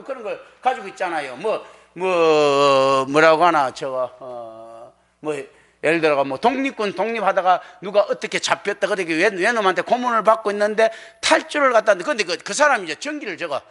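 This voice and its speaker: Lively, bright-voiced man preaching. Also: sits high, fairly quick. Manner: animated preaching, acts out quoted voices. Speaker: pastor. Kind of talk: sermon. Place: church sanctuary.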